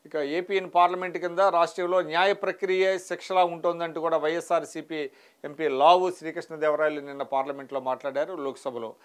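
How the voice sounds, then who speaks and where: A man's voice: fairly high pitch, steady tone, fairly quick, clean tone. A man reviewing the morning's newspaper headlines, reading each item and adding short remarks, with occasional restarts. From Telugu states of India. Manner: reads headlines then adds brief remarks, occasional restarts. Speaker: news analyst reading headlines.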